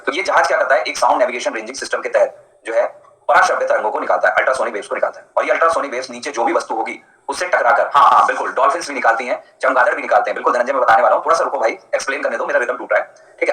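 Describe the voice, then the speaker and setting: A male teacher runs a live online lecture at a brisk clip. His voice is bright and forceful, and he keeps it chatty and jokey, breaking off to answer students by name. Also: medium pitch, reverberant, low-quality recording.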